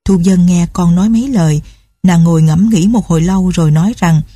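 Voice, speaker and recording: A woman narrating a novel aloud with calm, steady storytelling. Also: on the low side, a little fast, slightly rough, no echo, clean studio sound.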